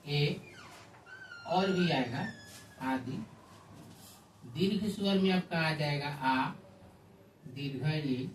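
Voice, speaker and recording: Slow-talking man teaching Hindi grammar. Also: on the high side, slight background noise. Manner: slow, repetitive explaining with many fillers. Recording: echoey room, voice far from mic.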